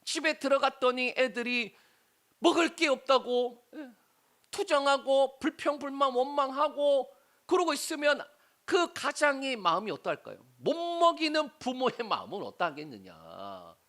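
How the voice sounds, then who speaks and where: A middle-aged male pastor preaching a sermon, animated and often prompting the congregation with rhetorical questions. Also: very high-pitched, measured pace.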